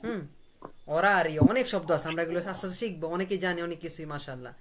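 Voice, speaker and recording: A man teaching a live online language class over a video call, repeating words slowly and breaking them into syllables. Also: fairly high pitch, a crowd in the background.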